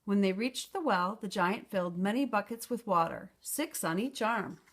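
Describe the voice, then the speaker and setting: A woman storyteller reads a children's picture book aloud, narrating expressively. Her voice sits in the mid-range and she keeps a normal speed.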